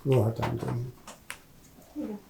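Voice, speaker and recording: A man's voice: mid-range voice, very animated, extremely slow, vocal fry, dark tone, reverberant, recorded from a distance, slight background noise. Easygoing man in an acting class. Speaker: acting student. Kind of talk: casual classroom talk. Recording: voice from across the room.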